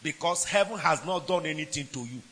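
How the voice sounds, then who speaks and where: A man preaching a sermon. He swings between shouted lines and low asides, and keeps asking the congregation questions. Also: expressive, brisk. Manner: asks the congregation questions, laughs between points.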